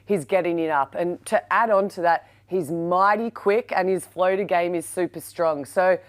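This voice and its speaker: A woman's voice: lowish voice, moderate pace. An Australian woman co-hosting a sports show as a player, giving chatty analysis of plays.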